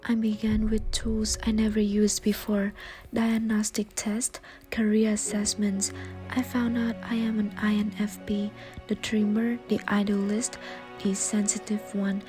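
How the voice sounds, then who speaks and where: A young woman from Vietnam, a postgraduate student, reading a reflective personal narration in a soft, often near-whispered voice over faint music. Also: mid-range voice, monotone, measured pace.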